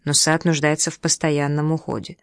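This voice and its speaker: A reader doing an earnest young gardener. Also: male voice, fairly high pitch, flat delivery, brisk, clean tone, dry recording, clean studio sound, lightly acted. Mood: pleading. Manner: pleading, restrained. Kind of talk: audiobook dialogue.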